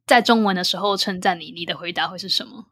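A woman's voice: lowish voice, fast talker, a bit bright, slightly rough, no room sound. Young Taiwanese-accented woman, close dry sound. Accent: Taiwanese Mandarin. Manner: occasional English words mixed into Mandarin. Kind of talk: casual reflective conversation.

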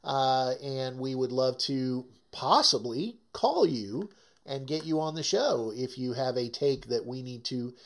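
A man's voice: medium pitch, animated, unhurried. A man co-hosting a sports talk show, talking emphatically and ranting about his team. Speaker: co-host.

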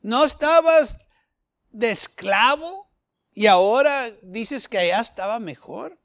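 High-voiced fervent preacher. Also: male voice, animated, unhurried, gravelly, a bit bright. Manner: fervent, rhetorical questions, acts out quoted voices. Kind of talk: sermon.

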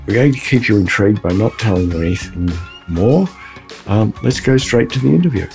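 A man's voice: on the low side, lively intonation, a little fast, vocal fry, a little mellow, soft background music. A man co-hosting a podcast who steadily steers the conversation and hands it over to the interview. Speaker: podcast co-host. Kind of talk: casual interview chat.

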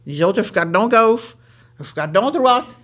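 A woman with an Acadian French accent telling a personal story in an animated, expressive way. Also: medium pitch, moderate pace. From Baie Sainte-Marie, Nova Scotia. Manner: animated, expressive, often laughing. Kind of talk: live storytelling.

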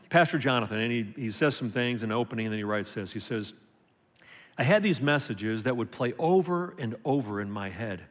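A man preaching a sermon as pastor, earnest, swinging from emphatic peaks to quiet storytelling. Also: mid-range voice, expressive, normal speed. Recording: long hall reverb.

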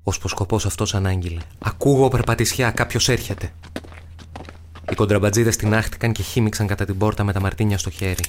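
Deep, flat male audiobook narrator. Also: slight background noise. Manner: measured, dramatic pauses. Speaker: actor narrating a novel.

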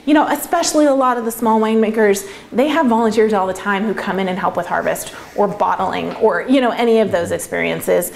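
A woman's voice: mid-range voice, a little mellow. A woman giving casual, reflective answers in an interview, talking in a conversational way. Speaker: interviewee, winemaker.

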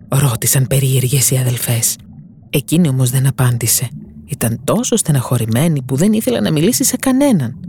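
A woman narrating a fairy tale with lively, expressive reading. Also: very deep voice, a little hiss or hum. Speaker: storyteller. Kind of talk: scripted storybook narration.

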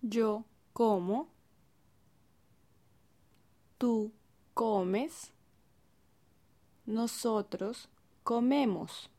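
A woman co-hosting a language lesson, speaking example phrases slowly and carefully as models. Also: fairly high pitch, dark tone. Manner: slow, careful model pronunciation. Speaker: co-host giving example phrases. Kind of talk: reading practice phrases aloud.

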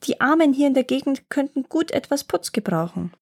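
A woman reading aloud plays a little boy gnome with a high, bright voice that jumps eagerly between notes. He asks question after question, full of excitement. It is a storybook voice, light and childlike. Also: a little fast. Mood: delighted.

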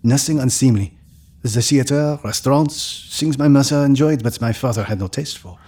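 In an audio drama, a man plays a reflective grown son recounting his parents' troubled marriage and the family's history. His warm, medium-pitched voice moves at a moderate pace and sounds close to everyday speech. The mood is reflective and measured.

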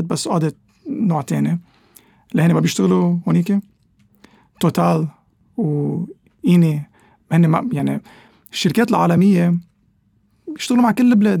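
Fast, high-pitched man, Lebanese Arabic accent. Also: gravelly, dark tone, dry recording, clean studio sound. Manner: mixes English terms into Arabic. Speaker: interview guest, economic analyst. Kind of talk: conversational expert explanation.

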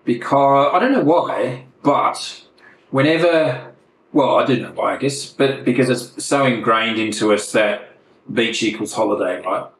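A man's voice: mid-range voice, a little slow, a bit bright, echoey room, slight background noise, low-quality recording. A man co-hosting a casual podcast, chatty and rambling, laughing often over a video call. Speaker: podcast co-host. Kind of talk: casual chat.

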